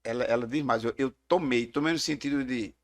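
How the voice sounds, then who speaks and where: A middle-aged Brazilian man with a gravelly, slightly fried voice talks through questions of faith in an unhurried, reflective way. He speaks at an ordinary mid pitch and often stops to tell a story. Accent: Brazilian Portuguese. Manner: reflective, explanatory, tells stories. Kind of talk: casual theological discussion.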